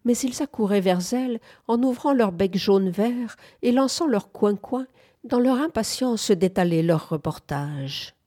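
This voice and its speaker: A woman narrating a literary audiobook in a calm, measured way. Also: medium pitch. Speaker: audiobook reader.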